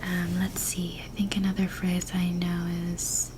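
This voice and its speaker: A woman doing a whispered role-play as a helpful librarian, speaking in a gentle, breathy hush. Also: lowish voice, completely flat delivery, noisy background. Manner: hushed librarian manner, gentle and unhurried. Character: soft-spoken, helpful female librarian checking out books.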